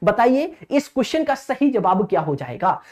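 An extremely high-pitched, darkish man's voice with a sing-song lilt explains exam maths at a moderate pace. The teacher, in his thirties, works step by step at a digital board in an indoor studio, repeating ideas, addressing listeners as friends, and confirming they keep up.

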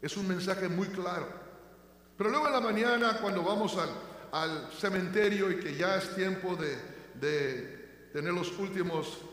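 An older man preaching a sermon as pastor, shifting between fervent loud proclaiming and quiet tender storytelling. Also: sits high, a little slow. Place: church sanctuary. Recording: echoey church hall.

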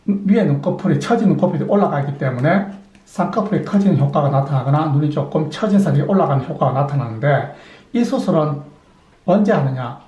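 Middle-aged surgeon guy walking through procedures, mellow voice, kinda roomy echo. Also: a little high. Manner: methodical, poses and answers his own questions. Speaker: plastic surgeon. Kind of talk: explanatory clinic talk.

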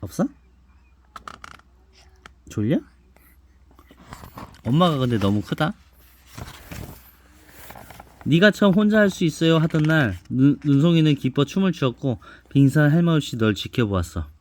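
A man reading a picture book aloud to his child at home, gently and softly, stopping now and then to ask the child questions. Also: a little high, sing-song, moderate pace, long pauses. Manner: gentle, soft-spoken, stops to chat and ask the child questions. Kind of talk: bedtime storybook reading with asides to a child.

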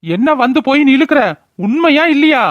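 Stern middle-aged brother, cartoon, firm and questioning, fairly high voice, slightly dull sound. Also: male voice, normal speed, fairly bright tone, no echo. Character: stern but fair middle-aged brother, family head. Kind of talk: cartoon voice acting.

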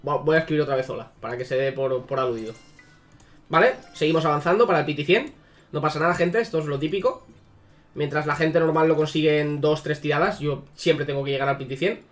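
A man's voice: a little high, fast talker, faint music behind. A man giving casual, sarcastic commentary on a mobile game, swearing freely. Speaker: gaming YouTuber.

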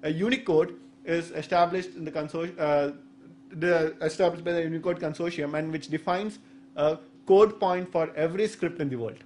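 A man in his thirties with an Indian accent, a native Saurashtra speaker, gives a technical talk at a conference, hesitating through his explanations and using many fillers. His voice is a little high and a little mellow, with fairly even intonation and a moderate pace. He speaks into a podium stand microphone in a medium indoor conference room, with slight background noise.

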